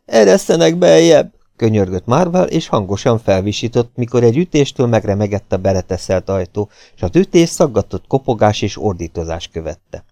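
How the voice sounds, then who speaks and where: Man reading an audiobook, low mellow voice that swings around a lot, dry close sound. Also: very animated, few pauses, no room sound. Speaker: audiobook narrator. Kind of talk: scripted narration.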